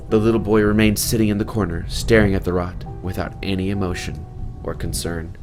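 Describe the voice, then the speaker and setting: A man reading his own fantasy novel aloud in a dramatic narration style. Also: low voice. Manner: dramatic, swelling on violent moments. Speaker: author narrator.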